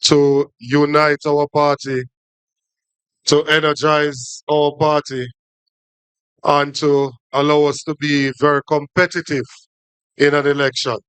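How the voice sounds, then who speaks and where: A man with a Jamaican accent giving a formal political speech to supporters as a party official, in short deliberate phrases. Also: a little high, level tone, a bit bright, clean tone, no room sound.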